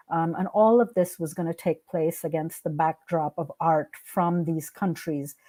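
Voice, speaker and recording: A woman with a fairly low, mellow, soft-edged voice appears as a podcast guest; she's an art curator and founder whose native language is Hindi. She answers conversationally, reflective and earnest.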